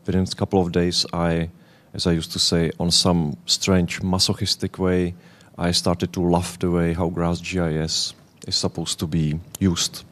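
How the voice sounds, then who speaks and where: A man in his thirties speaks with a Czech accent, his voice sitting very low. He gives a conference presentation in non-native English, pausing and restarting as he searches for words. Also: flat delivery, a bit bright. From Czech Republic.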